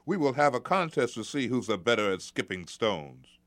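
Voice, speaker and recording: A man's voice: mid-range voice, very animated, moderate pace, a bit bright, no echo, voice pushed up. A man voicing a clever young village boy who talks eagerly in a raised voice. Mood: bold.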